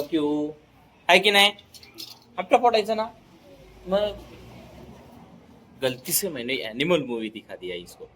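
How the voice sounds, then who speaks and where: A man, a father filming a casual family vlog, talking with playful teasing and coaxing to his small son. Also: on the high side.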